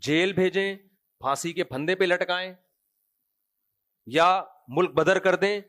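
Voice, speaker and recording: A man voicing a scheming noblewoman who feigns wronged innocence, speaking in a soft, coaxing, insinuating way. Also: sits high, dry recording.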